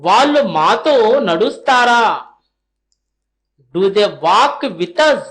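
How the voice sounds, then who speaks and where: High-voiced woman drilling language phrases very slowly. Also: lively intonation, a bit bright. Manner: slow, deliberately spaced English phrases, each followed by a translation. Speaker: spoken English teacher.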